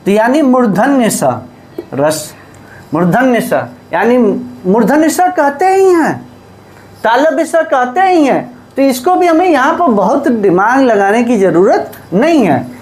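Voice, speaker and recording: Slow, deliberate Hindi teacher. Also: male voice, very high-pitched, sing-song, darkish tone. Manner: asks the class questions and answers them himself; repeats key terms slowly. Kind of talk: classroom lesson.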